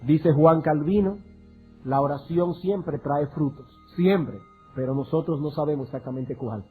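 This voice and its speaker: A man preaching a sermon, reading scripture and then urging his listeners in an emphatic style with big swings in pitch and loudness. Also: a little slow, narrow, tinny audio, faint music behind. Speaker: pastor.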